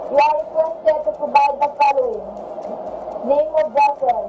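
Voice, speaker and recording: High-pitched woman over marine radio. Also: lo-fi sound, background noise. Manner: reads numbers and call signs slowly and evenly. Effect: marine radio transmission. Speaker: coast guard radio operator. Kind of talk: formal radio challenge.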